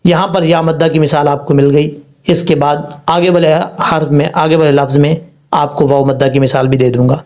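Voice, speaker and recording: A man teaching Quran recitation rules, explaining step by step and spelling words out slowly. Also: fairly high pitch, little pitch movement, a little mellow. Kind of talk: tajweed lesson. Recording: dull lo-fi sound.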